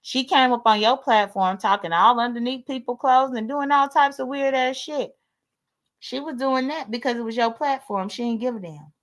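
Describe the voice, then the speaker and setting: A slightly high-pitched woman speaking at normal speed hosts a casual livestream. She's American, in her late thirties, and unloads her grievances with blunt sass and frequent swearing.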